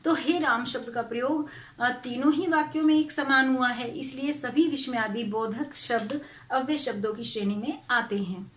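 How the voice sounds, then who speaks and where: A middle-aged woman teaching Hindi grammar in an online lecture, explaining slowly and carefully with examples and soft "a" fillers. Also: high voice, roomy sound, recorded from a distance, a little hiss or hum.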